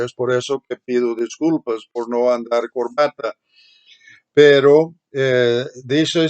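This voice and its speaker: A male Bible teacher giving a seminary lecture at a slow, unhurried pace. His voice sits at an ordinary middle pitch, and he speaks earnestly, stopping often for filler sounds and false starts as he calls his listeners brethren. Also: clear, resonant tone. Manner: hesitant, many filler sounds and restarts.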